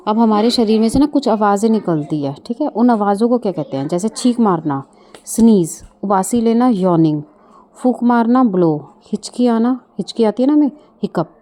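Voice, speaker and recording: A woman's voice: mid-range voice, mellow, slight background noise. A woman teaching English words, explaining step by step and asking the listener questions. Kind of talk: bilingual vocabulary lesson.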